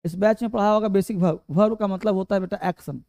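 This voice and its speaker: A man teaching an English grammar lesson, talking slowly, repeating key words and quizzing his students. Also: high-pitched, fairly even intonation, warm tone, no room sound, studio quality.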